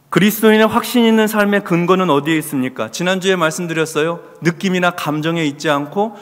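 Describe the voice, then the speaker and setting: Man, pastor, lively preaching, questions to the congregation, echoing sanctuary. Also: high-pitched. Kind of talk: Bible study sermon. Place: church sanctuary. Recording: long hall reverb.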